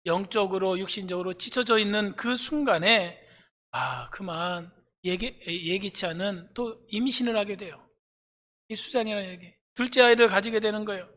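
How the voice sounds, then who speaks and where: High-voiced pastor preaching in an echoing hall. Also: male voice, moderate pace. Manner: animated storytelling, acting out dialogue. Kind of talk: sermon with storytelling. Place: church sanctuary. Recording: long reverb of a church hall.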